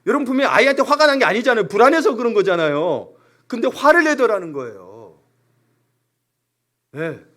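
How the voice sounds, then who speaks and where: A man's voice: extremely high pitch, brisk, long pauses. A male pastor preaching a sermon in a church, speaking with emphasis and briefly acting out the voices of ordinary people. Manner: animated, emphatic, briefly acts out everyday complaints. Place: church sanctuary.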